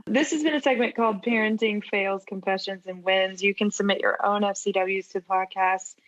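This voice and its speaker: A woman's voice: medium pitch, fairly even intonation, moderate pace, no echo, highs cut off. A woman in her thirties hosting a podcast as a family pastor, upbeat and announcing segments in a light tone. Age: 30s. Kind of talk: casual chat, hosting.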